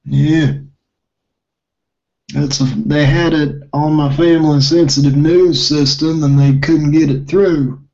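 A man drawls slowly through a prank phone call, his slightly high voice echoing back from a second device. He rambles and curses now and then. The line is dull and lo-fi. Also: fairly even intonation, creaky, darkish tone. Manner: slow, rambling, cursing. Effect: echo from a second device on his phone line. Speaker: prank caller.

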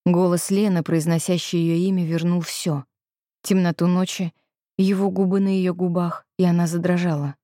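A woman narrating a novel in calm, measured scripted narration. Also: lowish voice, dry recording, clean studio sound. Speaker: audiobook narrator.

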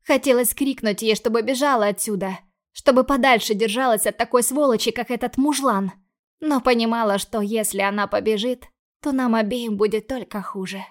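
A woman reading a first-person novel aloud in a steady, earnest storytelling manner. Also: a little high, moderate pace. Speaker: audiobook reader.

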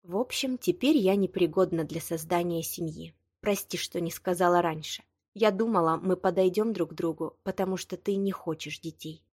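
A woman reading the lines of a prickly young woman, hurt but proud, defensive and quick to flare up. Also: fairly low pitch, a little mellow, husky, no room sound, clean studio sound. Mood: tearful. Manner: tearful, defensive, flaring. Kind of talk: audiobook dialogue reading.

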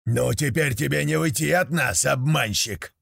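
A man voicing a fierce, angry male wolf in a storybook reading, with a gravelly, raspy voice. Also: mid-range voice, moderate pace, fairly bright tone, no echo, exaggerated voice.

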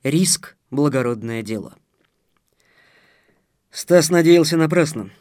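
A man's voice: fairly high pitch, a little mellow, dry recording. Dry, close male audiobook narrator. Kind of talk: scripted narration.

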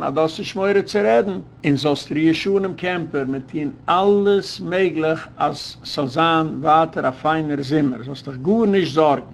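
A man's voice: a little high, gravelly, a little hiss or hum. A man speaking as a rabbi, giving an earnest lecture full of advice, with English words mixed into his speech.

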